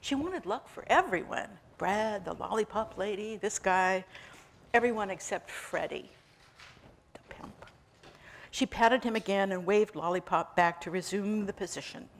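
A woman author reading her own novel aloud in a wry, measured storytelling manner. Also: mid-range voice, a little hiss or hum.

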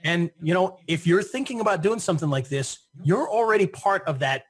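A slightly husky man talks as the guest in a relaxed interview. He tends to stumble over his first words and laughs easily. His voice sits a little high. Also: brisk. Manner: repeats words at the start of phrases, laughs often. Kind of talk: casual interview conversation.

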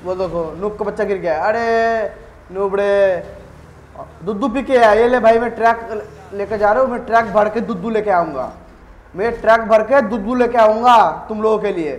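A man giving live gameplay commentary as a gaming YouTuber, excitable and trash-talking rivals with swearing. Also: high voice, brisk, echoey room, low-quality recording.

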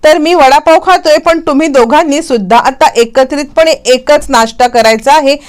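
Brief: easygoing male counselor handing out a task, read by a woman, high voice. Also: normal speed, darkish tone, close to an everyday voice. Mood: breezy. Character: chatty male marriage counselor on a phone.

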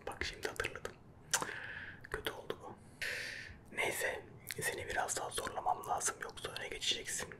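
A man doing playful ASMR chat in a quiet, hushed late-night whisper. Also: moderate pace. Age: 30s. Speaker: ASMR creator and game contestant. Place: small dim room at a desk, indoors. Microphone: close microphone with furry windscreen.

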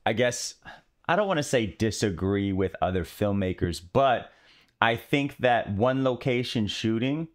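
A man's voice: fairly low pitch, lively intonation, a little slow. A man hosting a podcast, chatting in an opinionated, easygoing way and laughing often. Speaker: podcast host. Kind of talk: casual conversation.

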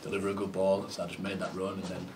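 A young adult man, a team captain, giving brisk, plain answers at a press conference in an indoor room. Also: deep voice, level tone, far from the mic, noisy background. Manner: brisk, plain short sentences.

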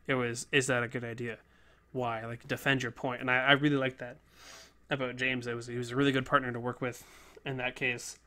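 A young game design student, a bit out of breath, casually talks through his class game project in development-log style, rambling with many fillers and restarts. His voice is medium-pitched, bright and forceful, with a level tone and a fairly quick pace.

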